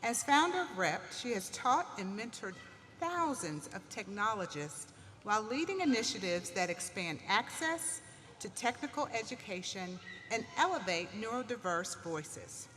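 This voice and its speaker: A woman formally introducing a speaker at a ceremony, reading in a measured way. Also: medium pitch, sing-song, a bit bright, a little hiss or hum. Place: large auditorium. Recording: echoey large hall with faint ambience.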